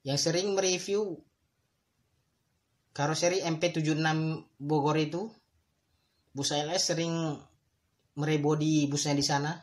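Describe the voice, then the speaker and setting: A man with a fairly high voice hosts a solo podcast, speaking in a steady tone, a little slowly, with long pauses. He lays out his points thoughtfully and instructively, talks straight to his listeners with a moralizing air, and now and then draws out words for emphasis.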